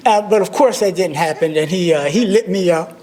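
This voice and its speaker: A man's voice: high-pitched, fairly quick, darkish tone. A man, giving a memorial tribute speech. He tells humorous, self-deprecating stories. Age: 60s. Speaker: alumnus speaker at a memorial service.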